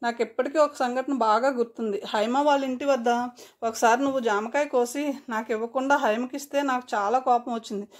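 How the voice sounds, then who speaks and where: A woman's voice: on the high side, steady tone, fairly quick, natural voice. A woman voicing a troubled young man pleading with his older sister in an audiobook reading. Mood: earnest pleading.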